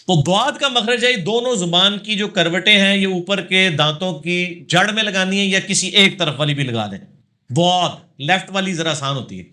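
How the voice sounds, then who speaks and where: A man's voice: high-pitched, bright, forceful tone. A man, a religious scholar answering audience questions in a live session, lecturing emphatically and checking in with tag questions.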